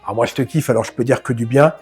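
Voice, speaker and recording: A man hosting a film analysis video, talking casually and speaking straight to the viewer with lively slang. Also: medium pitch, rapid-fire, breathy edge. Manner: familiar, addresses the viewer directly, lively slang. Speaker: film channel host.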